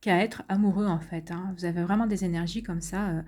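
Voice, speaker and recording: A woman's voice: lowish voice, fairly even intonation, brisk, darkish tone. A woman giving a casual, chatty card reading to her viewers, full of fillers and restarts and a reassuring tone. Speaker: tarot card reader.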